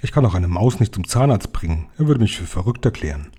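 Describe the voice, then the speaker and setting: A calm, loving grandmother in her eighties, read by a man. She speaks slowly and gently in a low, dark, husky voice. It is an audiobook reading for children. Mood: tender. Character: 86-year-old grandmother, calm, loving and wise.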